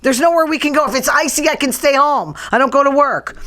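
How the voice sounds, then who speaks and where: A New England woman hosts a casual talk-show podcast, ranting bluntly and sarcastically in a chatty, freewheeling way. Her high, fairly bright voice moves fast but sounds strained and worn, as though she nearly lost it.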